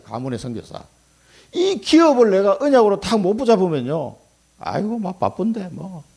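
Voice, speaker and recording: A middle-aged man preaches from the pulpit in a folksy, emphatic sermon, with sudden loud bursts and soft drops. His voice sits fairly high and leaps around a lot in pitch. It has a gravelly, husky edge. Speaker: pastor.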